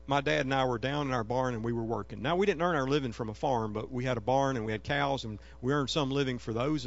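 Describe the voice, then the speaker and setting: Gravelly preacher man, earnest storyteller. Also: medium pitch, dull audio. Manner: earnest storytelling, emphatic rises and soft hushed drops. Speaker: pastor. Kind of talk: sermon.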